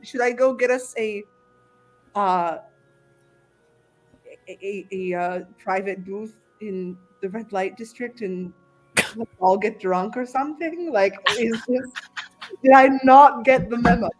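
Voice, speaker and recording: A polite female therapist, as a woman game master puts her on, hesitant and probing, at an everyday pitch. Faint music plays behind her. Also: slow pace, long pauses. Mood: wry. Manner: hesitant, lots of ums and uhs. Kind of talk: tabletop role-play.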